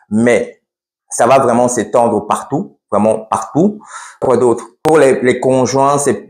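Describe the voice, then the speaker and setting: A man with a lowish voice vlogging in a blunt, matter-of-fact way, often restarting his sentences. His voice echoes noticeably around the room he records in. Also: darkish tone. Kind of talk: casual explainer vlog.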